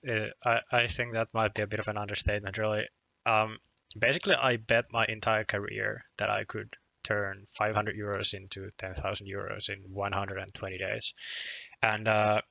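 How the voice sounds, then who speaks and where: On a poker live stream, a young man from Finland chats casually in a lowish voice with vocal fry and a sharp tone, recorded with no room sound. A native Finnish speaker with a Finnish accent, he rambles self-deprecatingly, restarting a lot and chuckling.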